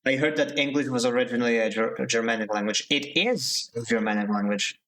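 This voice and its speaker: This brisk, medium-pitched young Slovak has a fairly bright tone as he offers casual streaming commentary. It turns into a heated rant, peppered with swearing and abandoned sentence starts.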